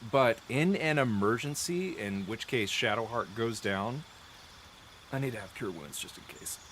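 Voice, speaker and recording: Speaking at a normal pace with animated energy, this man has a medium pitch and a fairly bright tone. He's a streamer walking through spell mechanics mid-game, chatty and meandering, often backtracking and thinking out loud. His throat is dry and he coughs a lot into a nearby desk mic, which picks up a slight hiss.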